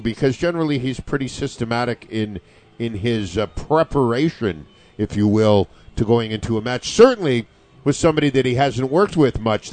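A man's voice: mid-range voice, darkish tone. A man giving analytical wrestling commentary in a casual chat, with wordy, mock-formal, sardonic phrasing.

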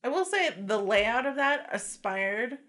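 A woman's voice: a little high, sing-song, unhurried, a bit bright. A woman co-hosting a podcast, recounting a trip with wry, dry remarks. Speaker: podcast co-host. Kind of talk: casual chat.

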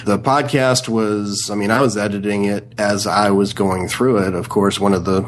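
A man with a gravelly voice, an author chatting casually as an interview guest. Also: lowish voice, steady tone, normal speed, background noise.

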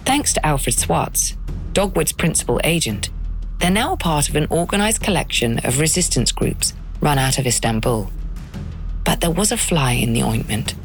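A woman's voice: deep voice, big pitch swings, moderate pace, faint music behind. A woman delivering scripted narration as the host of a documentary podcast.

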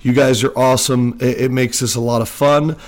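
A man's voice: medium pitch, flat delivery, brisk. A man hosting a sports podcast, recorded under a blanket, talking in a chatty, joking way and a little nervous about his sound. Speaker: podcast host. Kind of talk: casual sports podcast chat. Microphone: home microphone under a blanket.

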